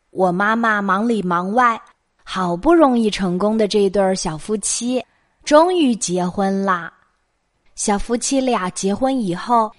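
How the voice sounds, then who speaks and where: A middle-aged woman with a Mainland Chinese Mandarin accent tells childhood memories as bedtime stories in a conversational way. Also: medium pitch. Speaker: storytelling host of a bedtime show.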